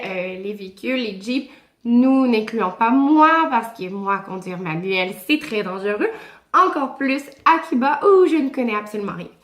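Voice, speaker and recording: A woman with a Québécois French accent telling a casual storytime on her vlog, animated and slangy. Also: fairly high pitch. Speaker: vlogger. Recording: echoey room.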